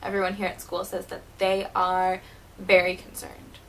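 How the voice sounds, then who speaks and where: A woman playing a wounded, wry teenage girl who was once a child stage performer, delivering a dramatic monologue in a bitter, halting way. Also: on the low side, completely flat delivery, a bit bright, slight background noise, low-quality recording. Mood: hurt, bitter. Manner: bitter, hurt, halting with repeated words.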